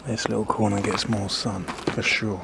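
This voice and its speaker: On the low side and gravelly, his voice shows little pitch movement and moves at normal speed. This gardening vlogger plants in his small backyard while casually musing to camera, second-guessing choices and drifting off mid-thought. Outdoor noise fills the recording.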